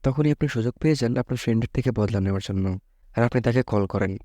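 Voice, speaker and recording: A sharp male officer in a retold thriller who pokes at suspects with sly, needling questions, read out by a male narrator. The voice stays mellow and close, with a dry sound and no room around it. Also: medium pitch, quick pace, no echo, lightly acted. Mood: sarcastic.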